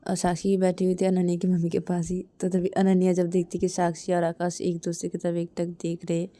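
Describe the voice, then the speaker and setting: A woman's voice: lowish voice, completely flat delivery, fairly quick, dark tone. A woman telling a story in a casual spoken way, with many linking words.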